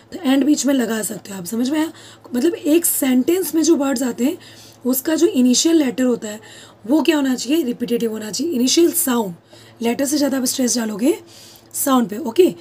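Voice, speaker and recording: Woman teacher, high but mellow voice, repetitive question-and-answer delivery. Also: husky. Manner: asks questions and answers them herself, repeats key terms. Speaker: English teacher. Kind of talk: classroom-style lesson.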